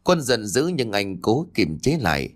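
A man narrating a ghost story in a lively storytelling manner, switching voices for the quarrelling characters. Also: fairly low pitch, a little slow. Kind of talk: storytelling narration with acted dialogue.

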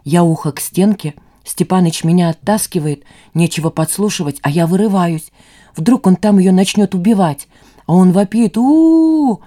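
A woman reading an audiobook aloud in an expressive narrating voice. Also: fairly low pitch, moderate pace. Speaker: audiobook reader. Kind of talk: scripted narration.

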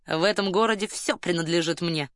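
A woman's voice: brisk, no room sound, natural voice. A woman voicing a pompous boastful colonel. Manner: smug, lowers voice to a suggestive murmur. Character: pompous boastful male Romanian colonel, flirtatious.

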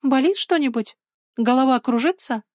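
A woman voicing a cheeky, bossy young girl with a teasing, sharp-tongued manner in a storybook reading. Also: sits high, expressive, normal speed, no room sound, clean studio sound, pitched above the performer's own voice. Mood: fussing.

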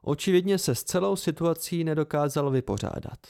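A man's voice: on the high side, creaky, darkish tone, smooth, no echo, studio quality. A man narrating a first-person story in an amateur audiobook reading.

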